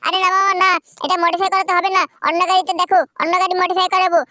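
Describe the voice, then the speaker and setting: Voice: very high-pitched, little pitch movement, racing, sharp tone, dry recording, clean studio sound. A performer voicing the cheeky little boy Shinchan in a playful, pleading way during a game video.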